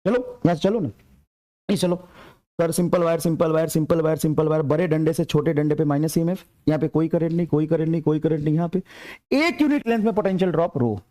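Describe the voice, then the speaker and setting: Full of energy, this male physics teacher lectures in a high voice, urging students on with repeated phrases and dictating English problems at a slow pace in a lively class.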